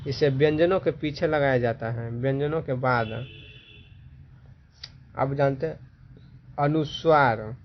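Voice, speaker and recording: A man teaching grammar, explaining definitions slowly and repeating them so students can write them down. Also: on the high side. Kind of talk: slow classroom explanation. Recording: dull lo-fi recording with faint noise.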